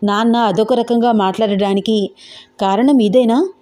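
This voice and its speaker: A woman's voice: on the high side, fairly even intonation, a little slow, warm tone, natural voice. A woman voicing an anxious young husband who keeps questioning himself, in a storybook reading. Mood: worried.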